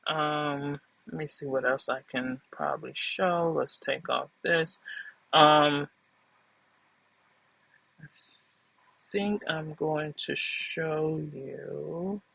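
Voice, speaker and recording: Gravelly, bright-voiced woman vlogger. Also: sits low, drawn-out words, pauses often, dry recording, low-quality recording. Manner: loose, rambling, self-correcting. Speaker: trucking channel host. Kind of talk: casual vlog chat to viewers.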